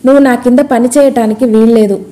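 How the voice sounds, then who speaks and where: Stubborn male farmer, stern and proud; a woman narrator plays him, warm dark voice pitched a bit high. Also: fairly even intonation, fast talker, natural voice.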